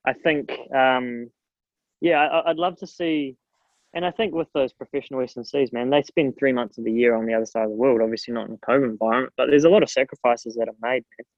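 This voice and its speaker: A man's voice: mid-range voice, no room sound, lo-fi sound. A young man with a broad New Zealand accent chatting casually and earnestly in an interview, using plenty of informal slang. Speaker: strength and conditioning coach, guest.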